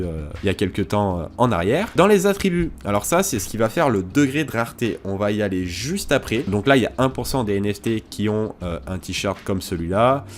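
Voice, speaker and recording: A man's voice: lowish voice, a little hiss or hum. A man hosting a crypto tutorial, talking casually through a screen walkthrough with hesitations and asides.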